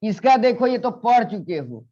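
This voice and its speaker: A man's voice: extremely high pitch, very animated, normal speed, mellow. A male physics teacher giving a classroom lecture, coaxing students and repeating questions. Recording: dull lo-fi classroom recording.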